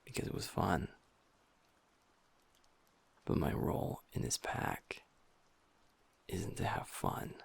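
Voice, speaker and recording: A man voicing Ash, a gentle young werewolf boyfriend and pack beta, weighed down by guilt, talking softly and intimately to his partner in an audio roleplay. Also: slow pace, long pauses, lightly acted. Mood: subdued. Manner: soft, hushed, intimate talk to a partner.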